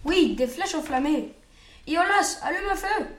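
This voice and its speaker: A woman's voice: high voice, moderate pace, close to an everyday voice. A woman voicing a bold, commanding grown hero in a read-aloud storybook, with emphatic calls. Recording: roomy echo.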